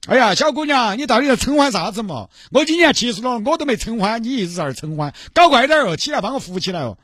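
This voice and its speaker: A man's voice: very high voice, sing-song, quick pace, a bit bright, breathy edge, dry recording, clean studio sound, voice pushed up, exaggerated voice. A man voicing a cranky seventy-year-old man who scolds and nags in a Sichuanese accent. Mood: grumbling. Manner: scolding, nagging.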